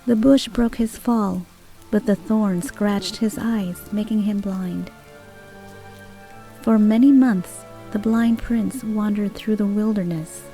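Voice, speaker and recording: Woman storyteller for bedtime reading, soothing, very slow, mellow tone, faint calm music behind. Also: medium pitch, low-quality recording. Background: soft calm music and rain.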